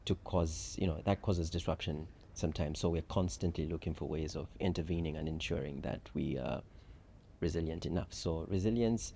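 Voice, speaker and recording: Man, low mellow voice, measured interview answers, faint hiss behind. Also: vocal fry. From Zambia. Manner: measured, structured explanations with frequent "so" and "um". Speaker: chief risk officer, interview guest. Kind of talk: conference interview.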